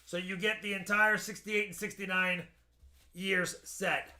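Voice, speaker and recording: High-voiced, bright man hosting a live sale. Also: little pitch movement, measured pace. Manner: repeats details for buyers. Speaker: host selling coins by live auction. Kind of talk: casual live-stream sales pitch.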